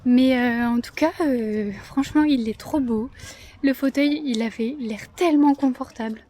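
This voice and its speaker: A woman's voice: high voice, a little slow, mellow, slight background noise. A young woman chatting casually to her camera in a vlog, with many fillers and repeated words. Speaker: vlogger. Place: out and about in town, café terrace.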